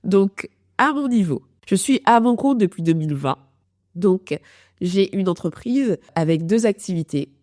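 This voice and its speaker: A woman's voice: mid-range voice, expressive, measured pace, darkish tone, dry recording, clean studio sound. A woman hosting an informal solo podcast, her voice marked by a robotic processing artifact. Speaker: podcast host, productivity coach.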